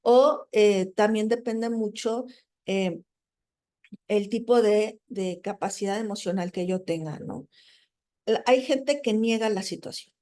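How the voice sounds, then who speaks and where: A woman's voice: medium pitch, takes it slowly, warm tone. A woman teaching a class in a conversational way, often checking in with listeners and acting out the people she talks about. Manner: conversational, frequent "¿no?" tags and fillers; acts out quoted people while explaining. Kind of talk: recorded lecture.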